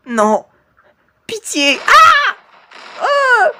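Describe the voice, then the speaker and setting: A woman voicing a terrified male toilet creature, shrill, panicky and pleading. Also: flat delivery, drawn-out words, very noisy. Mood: panicked.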